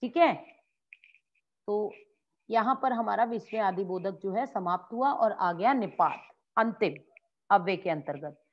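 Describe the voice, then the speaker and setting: A woman's voice: medium pitch, moderate pace, highs cut off. A woman teaching a grammar lesson to a class as a school teacher, asking and answering her own questions and acting out example exclamations. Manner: acts out example exclamations with lively swings in tone.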